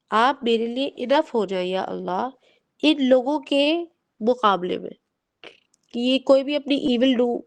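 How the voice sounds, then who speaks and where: Giving a lesson to children, this woman speaks Urdu mixed with English in a Pakistani accent. She uses a fairly high, gravelly voice, explaining things gently and checking in with the group frequently.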